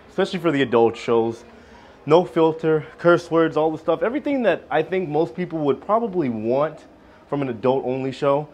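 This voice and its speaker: A man's voice: a little high, slight background noise. A man in his thirties, chatty and candid, talking straight to viewers as he vlogs through a cruise ship on a phone held at arm's length. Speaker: cruise vlogger. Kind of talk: casual vlog narration. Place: cruise ship corridors and venues, indoors. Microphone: phone camera held at arm's length.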